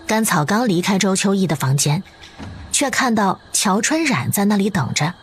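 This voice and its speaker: A woman narrating an animated drama in an expressive, story-reading way. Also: mid-range voice, normal speed, faint music behind.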